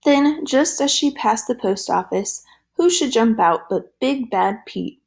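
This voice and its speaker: A woman reading a children's storybook aloud in a gentle, lively storytelling manner. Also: on the high side, measured pace, vocal fry.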